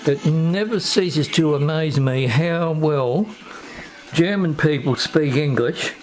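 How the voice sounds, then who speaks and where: Slow, rambling Australian man. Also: on the high side, music in the background. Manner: rambling, digressive, slow and hesitant. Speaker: video host. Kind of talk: casual talk to camera.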